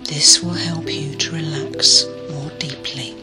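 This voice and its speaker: A woman leading a guided meditation in a soft, soothing voice that often drops to a breathy near-whisper. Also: low-pitched, fairly even intonation, slow pace. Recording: clear music bed behind the voice.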